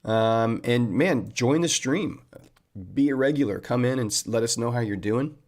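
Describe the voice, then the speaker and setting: A man's voice: medium pitch, moderate pace, darkish tone. A man hosting a trading livestream, chatting casually and upbeat with viewers and calling them man and buddy.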